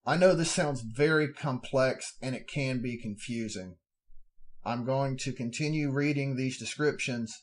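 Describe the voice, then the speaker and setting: Man methodically reading financial notes aloud. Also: mid-range voice. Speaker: podcast host. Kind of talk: reading fund descriptions aloud with plain asides.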